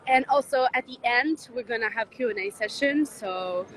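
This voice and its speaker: Bright-voiced young woman outdoors. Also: a little high, moderate pace, low-quality recording. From Croatia. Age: young adult. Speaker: vlog host and student guide. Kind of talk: casual city tour vlog. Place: outdoors in a city square. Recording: street noise in the background.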